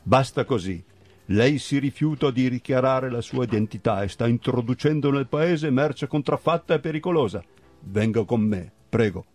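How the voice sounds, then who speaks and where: A man reading aloud and voicing a young, overzealous customs officer who speaks in a curt, officious way, in a husky voice. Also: medium pitch, animated, moderate pace, a little mellow, soft background music, close to an everyday voice.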